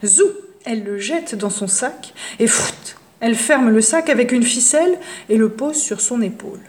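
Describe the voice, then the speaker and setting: A woman reading a children's story aloud, lively and expressive, hushing for suspense. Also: a little high, moderate pace.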